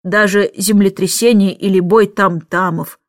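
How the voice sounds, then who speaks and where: A woman voicing a gloomy, blunt older female cook in a storybook reading, low and glum. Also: steady tone, a little slow, dry recording, studio quality, lightly acted.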